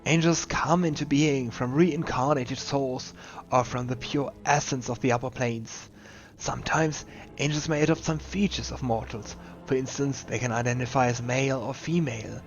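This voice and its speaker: A muddled old custodian rambles on, drifting between questions and half-remembered boasts, as a man reads him aloud. The voice sits at an ordinary middle pitch. Faint game music plays under a slightly dull, lo-fi recording. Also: normal speed, natural voice. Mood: rambling. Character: old, confused male museum custodian, rambling.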